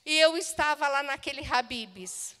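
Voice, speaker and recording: A woman pastor with a Brazilian Portuguese accent, preaching and telling an anecdote in an animated, laughing way. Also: high-pitched, a little slow, in a large hall. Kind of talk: sermon with a personal anecdote. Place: church auditorium.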